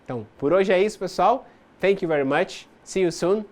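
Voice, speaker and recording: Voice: mid-range voice, normal speed, darkish tone. Brazilian teacher explaining English grammar. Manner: didactic, explains step by step with English example words. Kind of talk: scripted distance-learning lesson. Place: studio.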